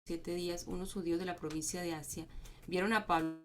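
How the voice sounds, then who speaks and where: A woman reading scripture aloud to a group, steady but with small stumbles and restarts. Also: on the low side, fairly quick. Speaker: Bible reading leader.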